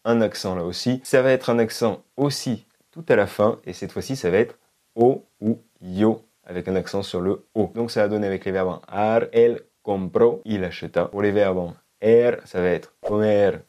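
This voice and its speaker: A man teaching an online language lesson, explaining step by step and repeating each example slowly. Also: lowish voice, warm tone. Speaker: Spanish teacher.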